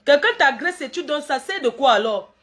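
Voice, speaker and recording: A woman's voice: high-pitched, brisk, faint music behind. A woman, ranting to her viewers in a casual live stream and firing off rhetorical questions. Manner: animated, argumentative, asks rhetorical questions. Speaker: vlogger addressing viewers.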